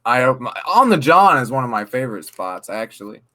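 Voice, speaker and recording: A man co-hosting a podcast, joking around and getting excited in casual chat. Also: medium pitch, a little fast. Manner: jokey, excitable, laughing. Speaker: podcast co-host.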